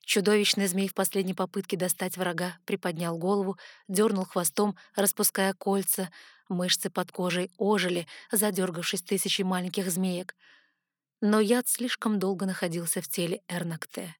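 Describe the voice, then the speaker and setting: A woman reading a fantasy novel aloud in steady, measured first-person narration. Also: fairly low pitch, no room sound, studio quality. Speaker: audiobook narrator.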